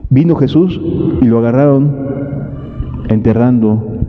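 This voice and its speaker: Impassioned preacher in a hall. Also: male voice, unhurried, over music. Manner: impassioned, swinging between solemn low warnings and raised urgency. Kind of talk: sermon. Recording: dull recording in a long-reverb hall.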